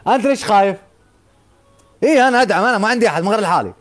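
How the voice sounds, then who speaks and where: A man's voice: high-pitched, expressive, rapid-fire, a bit bright. A man, a live streamer taunting his rival and urging his viewers on in a boisterous stream battle.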